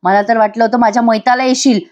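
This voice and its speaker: Woman doing a scared kidnapper guy barking orders, jittery and snappy, highish voice. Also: steady tone, quick pace, a little mellow, lo-fi sound, lightly acted. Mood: panicky. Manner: nervous, snappish commands.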